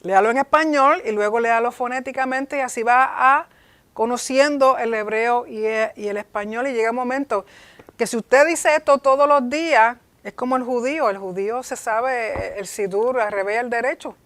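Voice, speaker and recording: Woman pastor teaching earnestly, slightly high voice. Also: moderate pace, fairly bright tone, no room sound. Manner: earnest, repeats herself and restarts phrases.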